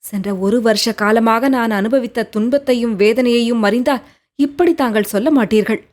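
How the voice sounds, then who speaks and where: A woman's voice: fairly high pitch, normal speed, darkish tone, natural voice. A woman reading a sorrowful lovelorn young woman. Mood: wistful. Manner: plaintive, earnest. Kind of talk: audiobook character reading.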